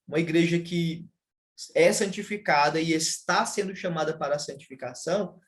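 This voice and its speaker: Pastor brasileiro explicando com calma. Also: male voice, a little high. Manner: measured, explanatory, with frequent "ah" fillers. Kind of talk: casual theological conversation.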